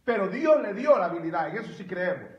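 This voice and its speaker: A male pastor preaching a sermon, animated and emphatic, with bursts of loud exclamation. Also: sits high, fast talker, roomy sound, dull audio. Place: church sanctuary.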